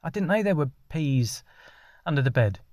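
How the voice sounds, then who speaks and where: Earnest, naive male guest, played by a man, pitched a little higher, dry close sound. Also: very animated, normal speed, a little mellow, no room sound. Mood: eager.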